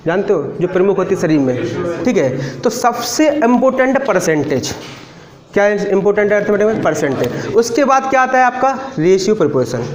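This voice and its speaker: Man, maths teacher, high voice, live classroom lecture, keeps checking students follow, echoey room. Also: very animated, normal speed, crowd noise. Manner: talkative, asks students frequent check questions.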